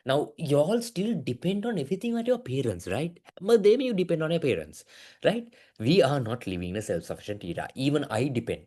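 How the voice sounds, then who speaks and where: A young man teaching an online business class, asking lots of quick questions. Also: fairly high pitch. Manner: lively, keeps asking "right?", mixes in Sinhala words. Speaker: business studies tutor.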